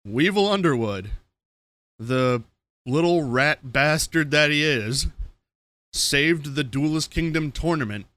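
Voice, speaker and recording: Man, podcast co-host, deadpan humor, dry close recording. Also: on the high side, takes it slowly, no echo. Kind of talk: casual podcast chat.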